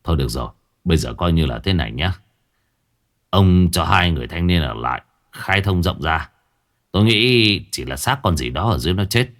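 A man voicing a calm, thoughtful older village man who speaks in a measured way. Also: low-pitched.

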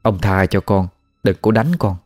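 A vengeful young woman's ghost clings to the man she possesses, refusing to let go and then begging to stay. A man with a Southern Vietnamese accent acts her out in a low, mellow voice. Soft music hums behind. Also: normal speed, natural voice. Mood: pleading.

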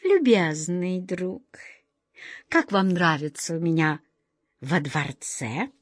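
A woman's voice: medium pitch, animated, a little slow, dry recording, studio quality. A woman voicing a haughty, imperious female mouse queen in a storybook reading. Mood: gracious. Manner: commanding, condescending.

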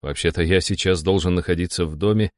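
A man's voice: deep voice, fairly even intonation, fast talker, no room sound, studio quality, lightly acted. A man voicing a blunt, frustrated young male inquisitor in an audiobook. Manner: blunt, frustrated, plain-spoken. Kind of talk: audiobook dialogue.

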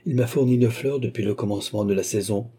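A man reading an audiobook, voicing a gentle, devoted young noble lady in a softly lifted voice. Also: on the low side, quick pace, breathy edge. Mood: tender.

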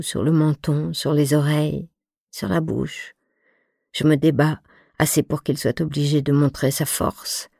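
Woman audiobook reader, low slow warm narration, dry close mic. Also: dry recording. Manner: intimate, measured, reflective. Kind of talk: literary narration in first person.

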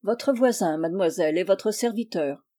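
A woman reading aloud, voicing a suave, courteous male diplomat who speaks gently. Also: medium pitch, moderate pace, natural voice. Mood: formal.

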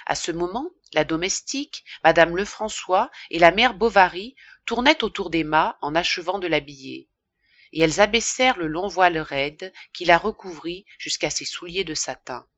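A woman narrating a classic novel as an audiobook in a measured, even reading. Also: on the low side, no room sound, highs cut off. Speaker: audiobook reader.

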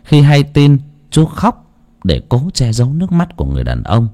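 A man's voice: medium pitch, wildly swooping pitch, normal speed, mellow. A man narrating a ghost story dramatically.

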